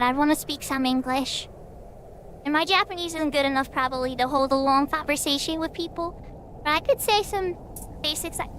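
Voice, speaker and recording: A woman's voice: high voice, pushed and bright, a little hiss or hum. A woman livestreamer chatting casually while gaming, in a cute anime-girl manner.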